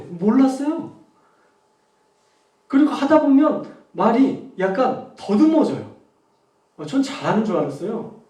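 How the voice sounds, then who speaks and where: A man preaching a sermon as a pastor, talking in an animated way and acting out different tones of voice. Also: sits high, roomy sound, far from the mic. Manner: animated preaching with spoken demonstrations of tone.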